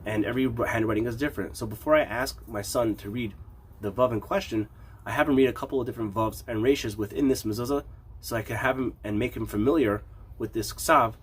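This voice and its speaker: A man's voice: medium pitch, a little fast. A man teaching like a rabbi in an informal, explanatory lesson, with a questioning manner of posing questions and answering them. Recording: clear background noise.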